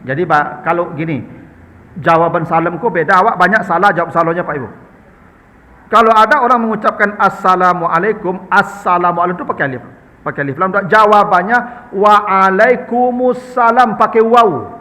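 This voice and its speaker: A man's voice: sits high, normal speed, bright, forceful tone, big-room sound. A man with a Minangkabau accent preaching in a chatty, humorous way, often addressing his listeners as sir and ma'am. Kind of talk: conversational Islamic study talk answering questions.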